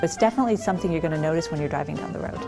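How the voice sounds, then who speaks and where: A woman's voice: deep voice, very fast, gravelly. A woman interviewed for a news feature, talking in a friendly, informative way. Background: music bed.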